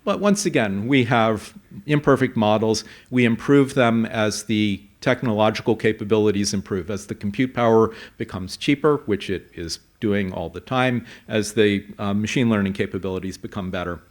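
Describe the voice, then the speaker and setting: A man presenting a conference talk, explaining with a measured pace and frequent fillers. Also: lowish voice. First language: English. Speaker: conference speaker. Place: conference hall.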